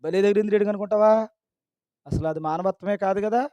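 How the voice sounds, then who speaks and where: A man's voice: sits high, brisk, dark tone, dry recording, highs cut off. A man preaching a sermon, scolding his listeners with a stream of rhetorical questions.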